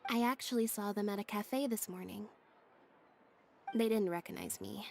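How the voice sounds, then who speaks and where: An actress playing a composed, loyal young woman in a video game, speaking calmly and deliberately. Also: mid-range voice, creaky, a little hiss or hum, natural voice. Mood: reflective. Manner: calm, deliberate. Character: composed, loyal young woman devoted to her found family. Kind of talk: scripted video game dialogue.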